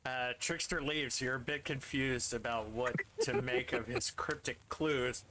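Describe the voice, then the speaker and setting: A man's voice: mid-range voice, steady tone, a little slow, slight background noise. Amused man narrating a game stream. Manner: wry, amused, laughing asides. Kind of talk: casual game narration and commentary. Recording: loud game music behind.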